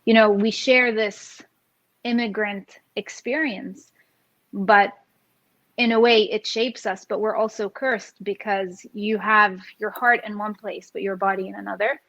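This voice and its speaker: A woman cookbook author from Jerusalem speaks at an ordinary mid pitch. She chats warmly and explains each step as she cooks. The recording sounds dull and lo-fi. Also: steady tone, measured pace. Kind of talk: cooking demonstration chat.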